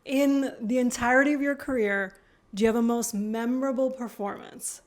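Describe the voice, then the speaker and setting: A woman's voice: a little high, fairly even intonation, normal speed. A woman interviewer asking plain, direct questions.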